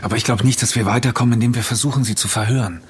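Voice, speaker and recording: An actor playing a calm, reasonable young man in a radio play, with music behind. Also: medium pitch, racing, a little hiss or hum, lightly acted.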